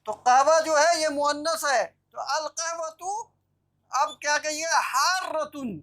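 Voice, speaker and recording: A woman's voice: sits high, slow, a bit bright. A woman teaching Arabic grammar in a live online class over a video call, explaining step by step and often checking that students follow. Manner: explanatory, checks understanding with "theek hai na".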